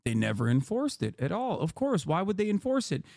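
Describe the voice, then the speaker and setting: Streamer host, man, 30s, slightly high voice, heated and profane explainer. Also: wildly swooping pitch, brisk, creaky. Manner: impassioned, profane, rising to near-shouting emphasis. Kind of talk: heated political explainer to a guest.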